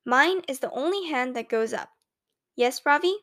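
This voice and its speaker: Woman, audiobook narrator, first-person story reading, clear and expressive, high voice. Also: normal speed.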